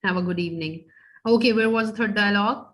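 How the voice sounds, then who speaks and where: A woman's voice: mid-range voice, fast talker, a bit bright. A woman teaching French over a video call, explaining each phrase in English and quizzing her students. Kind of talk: online class teaching.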